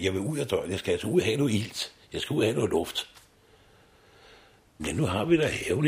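A man's voice: fairly low pitch, breathy edge. A man in his sixties, a recycling site worker, talking casually in an interview and rambling with tag questions.

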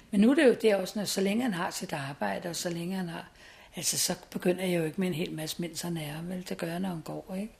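A woman's voice: on the low side, gravelly, a little mellow. A woman in her sixties talking casually in an interview, chatty and always adding tag questions.

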